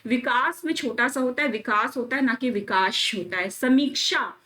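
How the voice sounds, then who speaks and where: A young woman teacher, drilling exam spellings by repeating each word slowly. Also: fairly high pitch, sharp tone. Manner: calls students friends and children, coaxing. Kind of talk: exam-prep spelling lesson.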